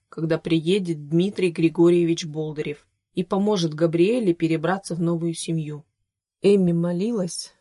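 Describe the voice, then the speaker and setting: Female storybook narrator, lowish mellow voice, soft and measured, dry close recording. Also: no room sound. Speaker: audiobook narrator. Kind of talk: scripted narration.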